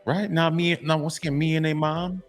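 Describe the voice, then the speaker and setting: A vlogger addresses fathers in a heartfelt motivational talk, his voice on the high side, fairly quick, and flat in delivery, with faint music behind. He's emphatic and preachy, often stumbling, restarting, and repeating himself, and he grows tearful at times.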